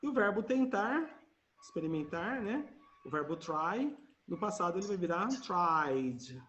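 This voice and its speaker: A man with a Brazilian Portuguese accent teaches English on a video call, patiently repeating words for his students to echo back. His voice is high-pitched, very animated, a little slow and a bit bright. The audio has its highs cut off.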